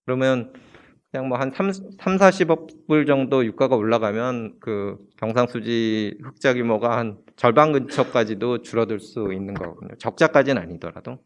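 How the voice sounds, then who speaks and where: A man's voice: medium pitch, normal speed, muffled recording. A man giving an economics seminar presentation, explaining slides with many fillers and restarts.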